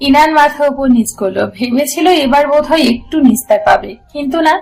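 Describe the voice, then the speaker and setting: High-voiced woman narrating a romance. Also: lively intonation, a little fast, vocal fry, a little mellow, faint music behind, poor audio. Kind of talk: scripted narration of a romance audio story.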